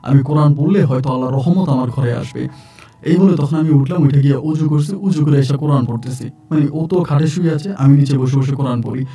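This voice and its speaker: A man's voice: medium pitch, a little fast, warm tone, recorded from a distance. A man from Sylhet, telling his own true-life story in an earnest, rambling way full of fillers and repeats. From Sylhet, Bangladesh.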